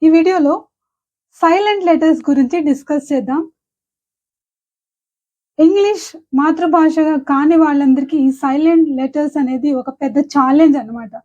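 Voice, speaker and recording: A woman with a Telugu accent gives an English pronunciation lesson in a high, light voice. She says each example word slowly and clearly, often more than once, and goes through them one by one. The recording sounds slightly dull and lo-fi. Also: a little mellow. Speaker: English teacher.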